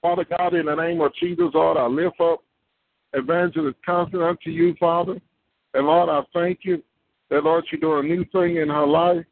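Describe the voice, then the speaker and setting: A man's voice: a little high, fairly even intonation, moderate pace, no room sound. Fervent man praying over a tinny phone line. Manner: rhythmic repetitive praying with tongues. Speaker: prayer leader. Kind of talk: fervent spoken prayer.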